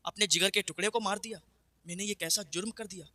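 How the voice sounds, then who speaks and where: A man's voice: sits high, steady tone, bright, forceful tone. A male preacher telling a story in a sermon, emotive and often repeating his phrases.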